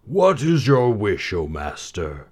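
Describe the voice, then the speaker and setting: A man voicing a fat old genie of a ring in a storybook reading, slow and measured. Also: on the low side, wildly swooping pitch, husky, heavily acted. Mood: calm.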